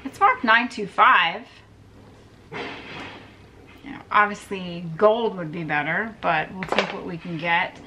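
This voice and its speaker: A woman's voice: medium pitch, slow pace, long pauses, bright, forceful tone, a little hiss or hum. A woman in her thirties chatting wryly to the camera as she digs through a storage unit, thinking aloud about each find. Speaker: storage unit reseller vlogger. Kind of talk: casual narration while sorting items. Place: metal storage unit, indoors.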